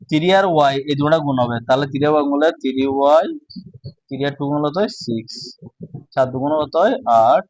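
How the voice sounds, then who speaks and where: A man teaching a math lesson, speaking slowly and asking his own questions before answering them. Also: a little high, dry recording, poor audio. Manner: slow, repetitive, asks and answers own questions. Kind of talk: casual classroom lesson.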